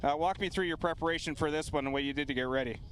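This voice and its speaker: A man's voice: fairly high pitch, racing, fairly bright tone, poor audio. A man working as a field-level sports reporter, doing a live post-game interview outdoors.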